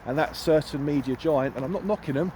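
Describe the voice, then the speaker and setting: Walking in the woods, a middle-aged empowerment coach from the UK records himself on a handheld phone. His warm voice sits on the high side and moves fairly quickly as he earnestly presses his points, repeating phrases for emphasis. Some faint outdoor sound comes through.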